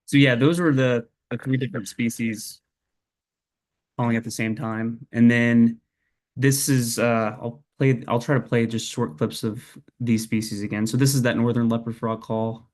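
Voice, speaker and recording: A young man presents an online lecture over a video call in a mid-range, darkish voice with little pitch movement and a moderate pace. His delivery is casual and hesitant, full of fillers and restarts.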